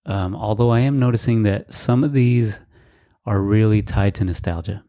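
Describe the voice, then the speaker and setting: A man co-hosting a casual podcast, his voice sitting on the low side. He talks in a laid-back, dry, rambling way, with plenty of fillers. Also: moderate pace, dark tone. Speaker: podcast co-host. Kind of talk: casual chat.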